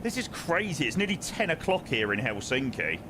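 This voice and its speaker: A man's voice: mid-range voice, big pitch swings, moderate pace. A British man on a casual livestream, playing an airline pilot and switching between chat and radio calls. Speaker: streamer playing airline pilot in a flight simulator. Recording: clear vehicle engine noise behind voice.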